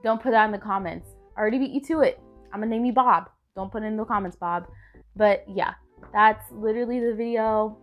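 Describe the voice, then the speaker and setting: A woman's voice: medium pitch, fairly quick, muffled recording, soft background music. A tired, sick young woman vlogging from her bed, ranting in an exasperated, casual way, full of "like". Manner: exasperated, filler-heavy rant full of "like".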